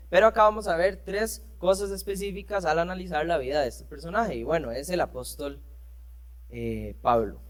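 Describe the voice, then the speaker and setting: A man teaching a church lesson, reading scripture aloud and explaining it with rhetorical questions and frequent fillers. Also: a little high. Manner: frequent fillers and self-corrections. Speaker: preacher.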